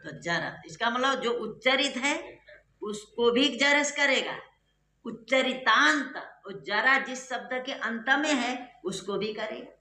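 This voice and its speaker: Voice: medium pitch, expressive, takes it slowly, pushed and bright. A grammar teacher giving a classroom lecture, explaining step by step and quizzing the students. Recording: echoey room.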